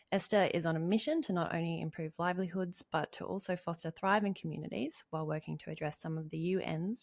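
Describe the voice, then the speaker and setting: A woman's voice: on the low side, no echo, studio quality. A woman co-hosting a podcast, reading introductions in a friendly scripted way. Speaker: podcast co-host.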